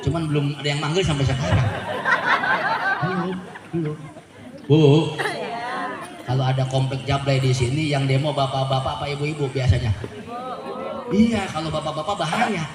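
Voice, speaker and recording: A man's voice: fairly high pitch, normal speed, long pauses, noisy background. A middle-aged man, preaching a humorous sermon and quizzing his audience with jokes. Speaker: Islamic preacher. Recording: echoey hall with loud crowd.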